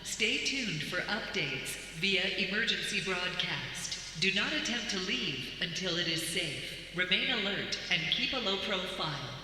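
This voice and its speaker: A man reading a scripted emergency alert over a shopping mall's public-address loudspeaker, giving calm, measured commands. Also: high-pitched, slight background noise. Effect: mall public-address loudspeaker. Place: shopping mall. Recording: echoey loudspeaker in a large hall.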